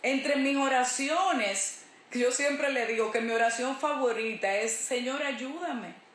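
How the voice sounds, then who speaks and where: A woman's voice: sits high, unhurried. A woman pastor preaching a sermon in an emphatic way, repeating her key phrases. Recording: roomy echo.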